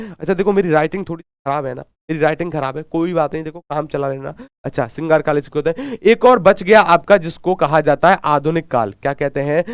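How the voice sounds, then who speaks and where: A man's voice: on the high side, clear, resonant tone, no room sound, clean studio sound. A man teaching a live online Hindi exam class, asking questions and repeating answers, urging viewers to comment. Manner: drills answers with repeated questions and call-backs.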